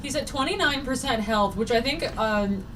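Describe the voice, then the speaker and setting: Picked up by a distant, noisy mic, a woman author chats casually while streaming a game. Her voice is high, a bit bright, and animated at a moderate pace, and she rambles with lots of laughter and filler words.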